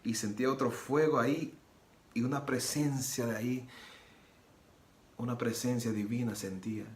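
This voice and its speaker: A man's voice: medium pitch, fairly even intonation, moderate pace. A man giving an earnest personal religious testimony, repeating phrases and acting out the dialogue as he retells it. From Nicaragua. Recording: roomy echo with soft guitar music.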